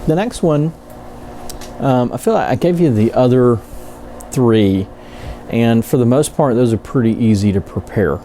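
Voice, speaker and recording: A man giving a casual, rambling product review, halting and correcting himself as he goes. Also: mid-range voice, dark tone, slight background noise. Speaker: pipe tobacco reviewer.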